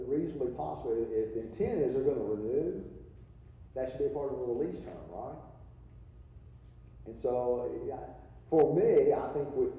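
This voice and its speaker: A man presenting an accounting seminar, talking informally with jokes, asides and many restarts. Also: medium pitch. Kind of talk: live continuing-education lecture. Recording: echoey hall, distant mic, dull lo-fi.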